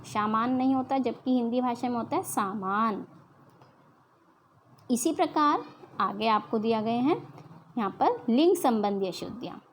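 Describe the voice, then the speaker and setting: A young woman teacher with a Haryanvi accent gives a school lesson from home, her voice sitting a little high. She explains patiently, asks her pupils rhetorical questions and slows down to spell out each example. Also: slight background noise. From India. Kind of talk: online Hindi grammar lesson.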